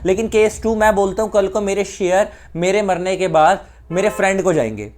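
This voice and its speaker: High-voiced Indian man teaching law. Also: moderate pace. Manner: explains with repeated examples, mixing Hindi and English. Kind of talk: explanatory lecture.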